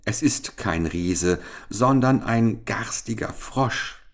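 A tearful young princess from a storybook, pleading and quick to promise anything, as a man puts her on. The voice is pitched well above a low male reader's own and lifts into urgent, coaxing phrases. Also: animated. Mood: anxious.

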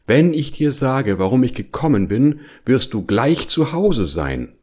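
A man's voice: medium pitch, big pitch swings, unhurried, a little mellow, voice pushed up. Sly plump bear, raised voice, lots of swing, as a man puts him on. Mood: coaxing. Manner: coaxing, later sulky and spiteful. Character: plump older male bear, sly and quick to sulk. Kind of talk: storybook reading for children.

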